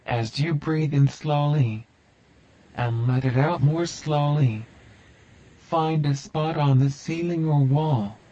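Man, hypnotist, slow soothing induction, mellow tone, dull lo-fi sound. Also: on the high side.

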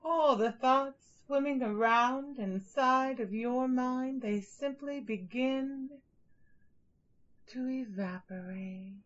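Woman hypnotist, unhurried and drawn-out, breathy and coaxing with a dominant edge, on a muffled lo-fi recording. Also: high-pitched. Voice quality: soft and breathy, dropping to whispers. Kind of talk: slow hypnotic guided narration. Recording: dull lo-fi recording.

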